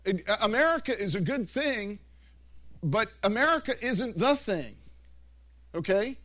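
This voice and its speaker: A middle-aged man preaching a sermon through animated stories, with frequent restarts and self-corrections. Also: high voice, unhurried. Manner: rambling, animated storytelling with many restarts. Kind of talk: anecdotal sermon.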